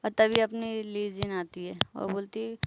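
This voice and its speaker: A woman's voice: medium pitch, fairly even intonation, measured pace, creaky, heavy background noise. Chatty woman retelling an anime story. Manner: chatty, laughs along and speaks straight to viewers. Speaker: anime recap narrator. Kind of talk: casual spoken story retelling.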